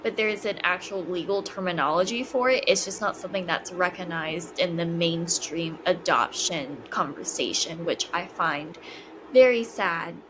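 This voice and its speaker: A woman's voice: lowish voice, moderate pace. Hesitant young woman, faint background hum. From China. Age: 20s. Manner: hesitant, many fillers and restarts. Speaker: podcast guest. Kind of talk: casual interview conversation.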